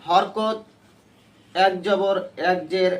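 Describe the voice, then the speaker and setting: A high-pitched male teacher leads a Quran reading class. He asks short questions over and over and waits for the students to answer in chorus. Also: little pitch movement, drawn-out words. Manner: drills students with repeated questions. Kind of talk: call-and-response class lesson.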